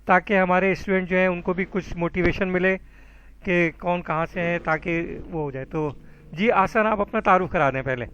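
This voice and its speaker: High-voiced man teaching an online class. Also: a bit bright, lo-fi sound, slight background noise. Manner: patient, encouraging, calls students by name. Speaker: Arabic teacher.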